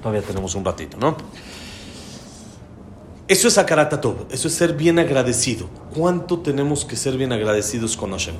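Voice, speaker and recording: A man's voice: medium pitch, big pitch swings, brisk, a little hiss or hum. A man, a religious teacher telling a heartfelt, emphatic story in a sermon. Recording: roomy hall with faint background ambience.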